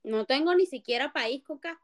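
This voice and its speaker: High-voiced Venezuelan young woman. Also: lively intonation, moderate pace. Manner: teasing, laughs often. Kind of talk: casual chat playing a word game.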